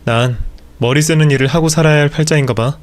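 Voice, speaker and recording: A man's voice: a little high, quick pace, close to an everyday voice. A man voicing a lazy, excuse-making unemployed husband. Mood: apologetic.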